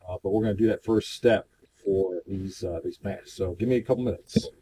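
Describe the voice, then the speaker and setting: A man with a fairly low, mellow voice talks through his hobby work at an indoor workbench. He rambles in a relaxed, unhurried way, with plenty of fillers along the way. Faint room noise sits behind him. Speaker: scale model builder. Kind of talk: casual hobby tutorial narration.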